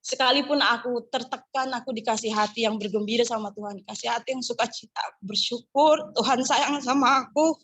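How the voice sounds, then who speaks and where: Bright high-voiced woman sharing testimony. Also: a little fast, husky. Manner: candid, chatty, mixes in regional words. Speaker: church member giving testimony. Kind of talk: personal testimony.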